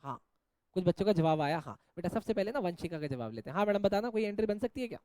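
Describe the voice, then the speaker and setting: A man runs an accounts lesson in a fairly high, mellow voice. He teases and mock-scolds his students as he explains. The sound is dry and close. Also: animated, rapid-fire, no echo. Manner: teasing, scolding jokingly, calls students "beta". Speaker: teacher. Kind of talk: Hindi-English accounts lecture.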